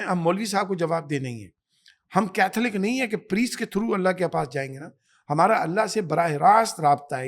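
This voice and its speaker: A man, an imam and guest scholar, speaking emphatically in a podcast interview, preaching and telling stories. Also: high voice. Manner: emphatic, storytelling, exhorting. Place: Canada.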